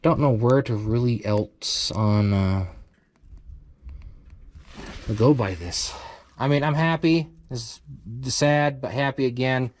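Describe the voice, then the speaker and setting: A man talks his way around an old truck in a casual vlog, rambling and thinking aloud with plenty of "uh" and "you know." His voice sits at an ordinary middle pitch. A faint hiss of noise runs behind him. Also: slow, pauses often. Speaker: channel host.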